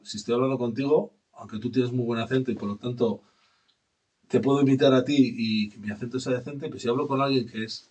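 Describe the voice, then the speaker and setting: Man, Basque accent, radio host, husky voice, a little off mic, chatty and digressive. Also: mid-range voice, far from the mic. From northern Spain, Basque region. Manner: rambling, self-deprecating, digressive. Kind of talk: casual radio chat.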